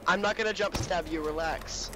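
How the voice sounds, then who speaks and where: A young man hosting a casual gaming session, chatting excitedly with a friend and repeating himself when reacting. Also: sits high, moderate pace, slight background noise, low-quality recording. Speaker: gamer and channel host.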